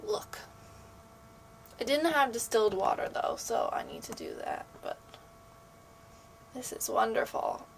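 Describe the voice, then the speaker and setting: A sick woman with a stuffy nose and a sore throat, chatting casually to camera at home in a rambling, soft-hearted way. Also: fairly high pitch, huge pitch swings, moderate pace, vocal fry, slightly rough. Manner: rambling, soft-hearted talk to pets and objects. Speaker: vlogger. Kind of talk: casual chat to camera, sick day vlog. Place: at home in a bedroom.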